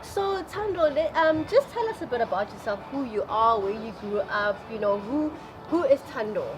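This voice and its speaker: A woman's voice: a little high, expressive, normal speed, rough recording. A woman hosting a conversational interview in an effusive, gushing manner. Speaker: show host, interviewer. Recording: music under the talk. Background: music.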